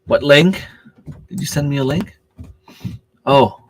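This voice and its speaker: On this casual live stream, a man whose native language is French talks slowly in a rather high voice. Searching hesitantly for words, he fills gaps, starts sentences over, and answers viewers' comments as they pop up.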